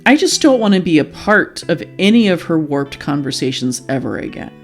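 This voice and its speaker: A woman's voice: low voice, sing-song, brisk. A woman earnestly and emotionally telling a personal story in a reflective commentary. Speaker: YouTuber sharing personal experience. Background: faint guitar music.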